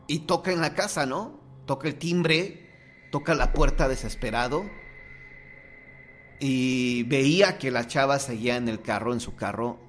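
A man's voice: mid-range voice, fairly bright tone, a little hiss or hum. A man narrating a horror story in a casual, conversational way. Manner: casual, conversational, many fillers. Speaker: storyteller host.

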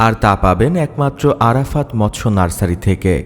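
A man delivering an emphatic promotional sales announcement that sounds as if it is played over a PA loudspeaker. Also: lively intonation, brisk. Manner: emphatic, declaiming sales pitch. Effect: echoing announcement as if over a PA loudspeaker. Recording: long hall reverb.

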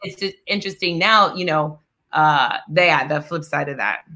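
A woman's voice: deep voice, moderate pace, bright, forceful tone. A woman from Texas speaking reflectively and casually on a video call. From United States, Texas. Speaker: panelist, dancer. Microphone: laptop mic on video call.

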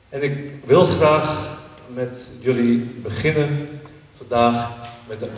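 Man, calm meditation leader, measured soft delivery, average pitch, long hall reverb. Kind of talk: calm spoken guidance. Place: large hall, in a group. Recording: echoey hall, mic far off.

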